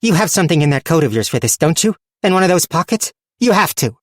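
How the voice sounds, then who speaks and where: A man's voice: medium pitch, fast talker, darkish tone, breathy edge, dry recording, studio quality. A man voicing a foul-mouthed, prickly small rat-folk woman bookseller who swears in exasperated outbursts. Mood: frantic.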